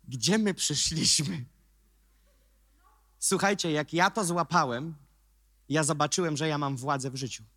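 High, bright-voiced Polish preacher man. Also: normal speed, dry recording, studio quality. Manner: emphatic, sarcastic, building to shouts. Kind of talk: sermon.

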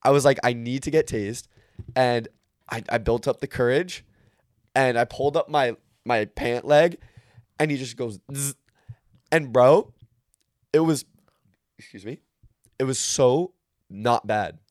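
A man's voice: mid-range voice, a little slow, long pauses, dry recording, clean studio sound. A young man hosting a podcast in casual chat, telling stories in a slangy, joking way. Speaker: podcast host.

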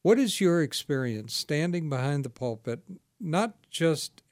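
A man's voice: fairly high pitch, big pitch swings, a little slow, dry recording, studio quality. A man hosting a ministry talk show as pastor, asking questions, telling stories and laughing often. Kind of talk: casual ministry interview.

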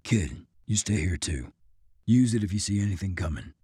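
A man voicing a gruff, practical male army lieutenant who speaks curtly. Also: low voice, animated, normal speed, dark tone, no echo, clean studio sound, exaggerated voice.

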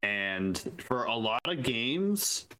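A man's voice: medium pitch, very animated, takes it slowly, slight background noise, low-quality recording. A man on a casual group podcast, explaining at length with many restarts and self-corrections. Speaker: podcast co-host.

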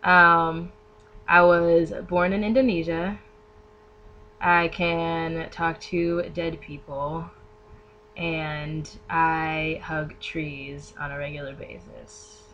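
Speaking very slowly in a low, level voice, a beauty business owner chats informally as a podcast guest, working out her thoughts as she talks. The audio is dull, with a little hiss or hum.

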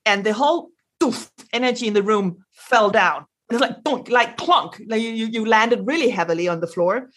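A slightly high, animated voice belongs to a Danish native speaker from Denmark with a Danish accent, a spiritual guest being interviewed on a podcast. She talks at normal speed with a fairly bright tone, often restarting and using fillers. Sound effects appear, along with a little hiss or hum.

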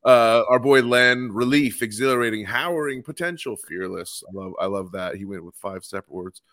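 A man's voice: mid-range voice, fairly quick, a bit bright, dry recording, clean studio sound. A man co-hosting a casual sports podcast, chatty and enthusiastic as he reads out fan replies. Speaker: podcast co-host. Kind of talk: casual chat.

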